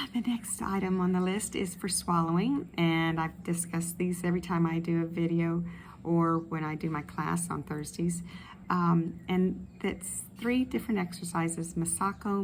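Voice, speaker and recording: Lowish woman speech therapist outdoors. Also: a little slow, slight background noise. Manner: relaxed, explanatory, many fillers. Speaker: speech pathologist. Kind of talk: instructional exercise video. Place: outdoors in a tropical setting. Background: ambient outdoor sounds with birds.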